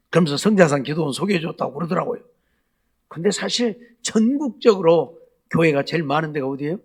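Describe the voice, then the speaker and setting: A man's voice: high-pitched, creaky, slightly rough. A male pastor preaching a Sunday night sermon, asking the congregation rhetorical questions again and again. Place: church sanctuary.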